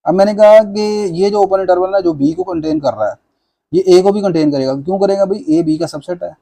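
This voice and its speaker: Mellow-voiced man explaining maths proofs. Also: high voice, animated, fairly quick, gravelly. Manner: patient, repeats "theek hai na" to check understanding; mixes English maths terms into Hindi-Urdu speech. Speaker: maths lecturer.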